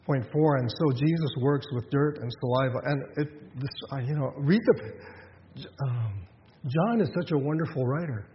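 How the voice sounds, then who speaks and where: A man's voice: mid-range voice, moderate pace, highs cut off, a little hiss or hum. Man preaching in an echoey hall. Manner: conversational preaching, many restarts and "um"s, rhetorical questions. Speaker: pastor. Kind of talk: sermon.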